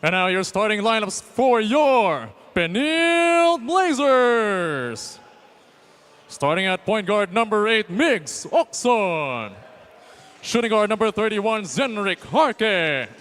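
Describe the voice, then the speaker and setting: A man announcing starting lineups over an arena PA in a drawn-out, dramatic style like a fighting game announcer. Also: high-pitched, sing-song, a bit bright. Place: indoor arena over a public address system. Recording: long gym PA reverb.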